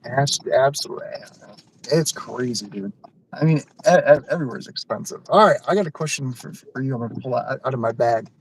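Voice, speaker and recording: A man's voice: mid-range voice, expressive, brisk, slight background noise, rough recording. A man chatting casually on a live stream while working deliveries, easygoing and chuckling, with frequent stammered restarts.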